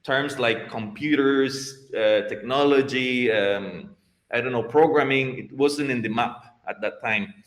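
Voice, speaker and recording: A man's voice: medium pitch, measured pace, fairly bright tone. A man from Costa Rica with a Costa Rican Spanish accent, a guest answering interview questions in a hesitant way, often restarting and repeating words. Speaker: guest, IT program head. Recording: roomy, echoey sound.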